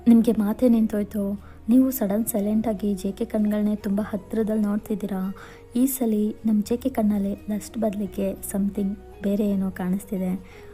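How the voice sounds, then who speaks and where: A woman narrates a fan fiction story straight to the listener in the second person. Her voice is mellow and dark. She talks at an even, chatty pace. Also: medium pitch. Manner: chatty, complaining aside to viewers.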